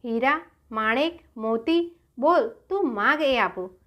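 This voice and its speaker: This is a grief-struck rich old merchant from a spoken folk tale, as a woman storyteller puts him on. He talks in an earnest, pleading way. His voice sits high, and it carries the emotion of the story. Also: expressive, takes it slowly, sharp tone, exaggerated voice.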